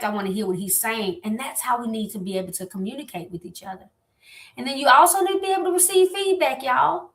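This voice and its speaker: A woman hosting a motivational talk on relationships, lively and animated, speaking straight to her listeners. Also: on the high side. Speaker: host. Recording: echoey room.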